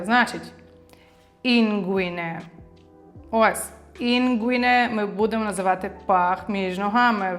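A woman's voice: a little high, fairly bright tone. A woman giving a chatty, playful online language lesson as the teacher, encouraging her students to repeat words aloud.

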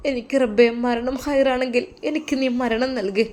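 A woman voicing a heartbroken young wife in a storybook tale, pleading and softly sobbing, with a Malappuram Malayalam accent. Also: on the high side, normal speed, natural voice.

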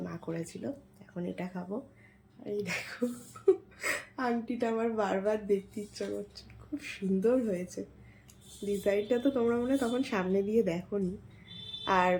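A woman, chatting quietly to her viewers from her bed at night so she won't wake her sleeping daughter. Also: mid-range voice, slight background noise. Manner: speaking softly so her sleeping daughter is not woken. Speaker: vlogger. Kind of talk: casual chat to viewers. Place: bedroom at night.

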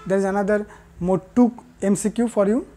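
A woman teacher speaks in a warm, mellow tone. She talks at a middling pitch and says each key answer twice. Short pauses and fillers break up her explanations. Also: steady tone, soft background music. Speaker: English teacher. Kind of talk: recorded classroom lesson.

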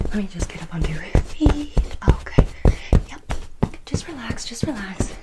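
A young woman performs a whispered role-play as a massage therapist. She speaks mostly in a breathy whisper at a medium pitch. Her fast ASMR patter repeats short words and gentle instructions over and over. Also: very animated. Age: young adult. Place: bedroom, indoors.

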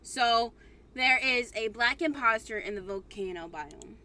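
Bright-voiced young woman gaming. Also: measured pace. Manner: chatty, playful, breaks into random squeaky voices. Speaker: gaming channel host. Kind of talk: casual gameplay chat.

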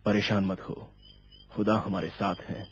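A man voicing a calm, devout young man who speaks in a measured, polite way, in a dubbed TV drama. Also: lowish voice, dull audio, a little hiss or hum, lightly acted. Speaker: dubbing actor.

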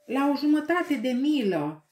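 A woman's voice: high voice, sing-song, darkish tone, roomy sound, pitched above the performer's own voice. A woman voicing a brave young boy calling down from a tree in an audiobook. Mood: eager.

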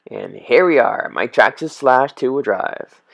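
A man's voice: medium pitch, lively intonation, a little slow, vocal fry. A young man chatting casually in a hobby vlog, muffled through a costume head, rambling and repeating his words. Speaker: RC hobby vlogger.

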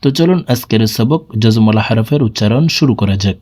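A man teaching Quran reading, slowly spelling out letters and repeating syllable drills. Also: on the low side, animated, darkish tone. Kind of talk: step-by-step recitation lesson.

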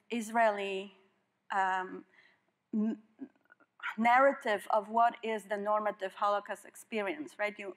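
Woman moderator, mid pitch, lots of uh and um while asking long questions on stage. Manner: hesitant, many fillers. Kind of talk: onstage conversation. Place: stage of an auditorium.

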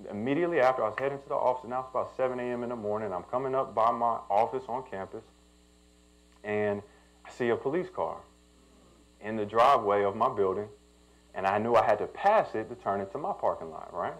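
A man's voice: lowish voice, brisk, lo-fi sound. A young man, a pastor telling a personal story in a sermon and building to emphatic preaching.

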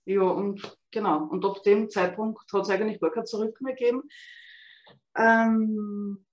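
A woman's voice: medium pitch, fairly even intonation, a little slow, highs cut off. A woman, an illustrator guest telling a chatty story with many fillers over a video call from her room at home. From Austria. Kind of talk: casual storytelling. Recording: echoey video call audio.

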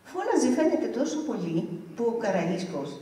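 An older woman tells a family story from history at a village gathering, acting out what each person said. Her voice is fairly high and mellow. She sounds some distance from the microphone, in a strongly echoing hall. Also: big pitch swings. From Greece, Ikaria. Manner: vivid storytelling, often acting out the words of family members. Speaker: speaker at a community event. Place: village cultural association hall. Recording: echoey hall heard from far off.

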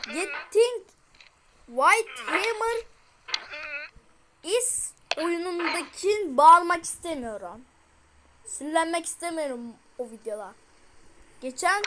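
A woman's voice: very high-pitched, noisy background. A young girl commentating on a game she is playing, getting frustrated and exclaiming at it. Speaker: gameplay streamer. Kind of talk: let's play commentary.

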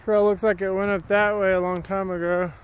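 Guy rambling while he hikes, kinda high flat voice, real clear, phone in hand outdoors. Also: fairly quick. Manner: chatty, plainspoken, rambling. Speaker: vlogger. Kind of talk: casual walking commentary. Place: wooded dirt trail outdoors. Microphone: handheld phone camera while walking.

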